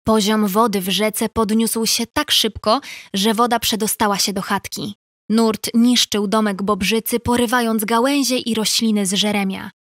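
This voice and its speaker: A woman's voice: medium pitch, dry recording. Woman reading a children's tale, dry sound. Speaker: storyteller. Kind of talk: scripted narration of a children's tale.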